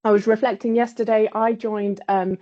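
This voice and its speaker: Over a video call whose poor connection makes the audio cut out repeatedly, a woman chairs an online panel. Her mid-range voice is level and moves at a normal speed, with a warm, eager, welcoming manner, and the sound is dull and lo-fi.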